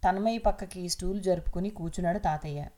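A woman narrating a serialized audio novel in a steady, measured reading voice. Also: lowish voice.

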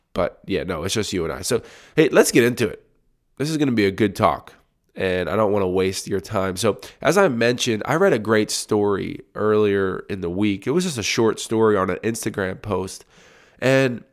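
Alone at his mic in a home recording room, a young podcast host speaks through a head cold that deepens his low voice and makes it resonate. He talks in an easygoing, thoughtful manner, regularly restarting words as his thoughts come together.

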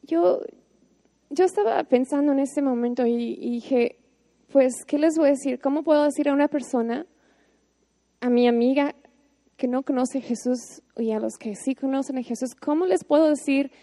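A woman gives a relaxed spoken devotional in a high yet soft, mellow voice. She talks like she is chatting with friends and keeps adding fillers and little tag questions. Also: normal speed. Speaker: devotional speaker.

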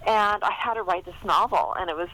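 A middle-aged American woman, a historical fiction author appearing as an interview guest, chats casually, tells anecdotes, and laughs often. Her medium-pitched voice is brisk and sharp in tone, captured in a low-quality recording.

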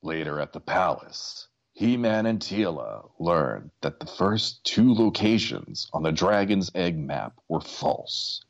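A man's voice: low voice, big pitch swings, slow pace, creaky, hardly any pauses. A man narrating a children's adventure story from a script in a dramatic style. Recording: dull lo-fi recording.

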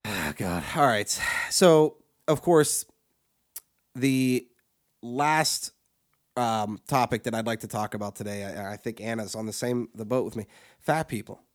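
A man's voice: fairly low pitch, a little slow. A man co-hosting a podcast, ranting crudely and profanely, with frequent restarts and repeated words. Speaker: podcast co-host. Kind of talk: crude comedic rant.

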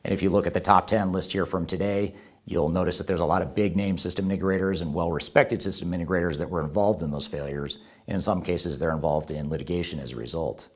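A man's voice: deep voice, fairly even intonation, fast talker, breathy edge. A man presenting a top ten countdown as an online video host, explaining in a semi-scripted way and restating key points for emphasis.

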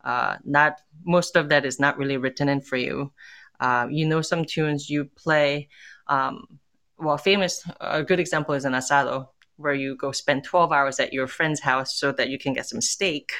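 A woman born in Korea, a tango musician, talking in a casual interview, thoughtful and pausing often with fillers and restarts. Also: low voice, fairly even intonation, fairly bright tone.

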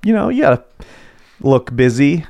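A man co-hosting a podcast tells stories in a fairly high voice. His pitch swoops up and down as he acts out his coworkers' lines. The talk is loose and conversational. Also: normal speed, vocal fry, dry recording. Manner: animated storytelling, acting out coworkers' voices. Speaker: podcast co-host. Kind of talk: casual chat.

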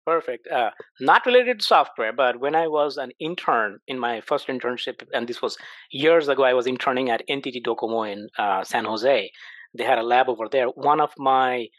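A man's voice: medium pitch, normal speed, fairly bright tone, no room sound. A middle-aged man, a startup CEO, answering interview questions in a conversational, emphatic way, often asking himself rhetorical questions. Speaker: startup CEO, podcast guest.

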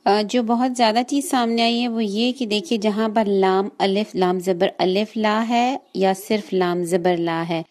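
A woman teaching a class on correct recitation. She talks patiently, draws out the example words slowly and often checks that her students follow. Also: mid-range voice, fairly even intonation, darkish tone. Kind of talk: online class lesson.

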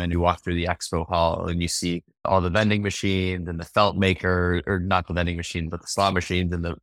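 A man's voice: deep voice, fairly bright tone, no room sound, clean studio sound. A man from Winnipeg, Canada, talking casually as a startup founder interviewed on a podcast, with a slightly sore throat.

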